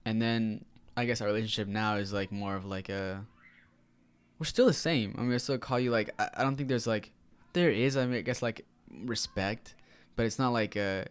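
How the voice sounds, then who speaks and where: A young adult native Spanish speaker co-hosts a podcast, chatting casually in informal, slangy talk. His voice is clear and resonant, sitting on the low side at a moderate pace.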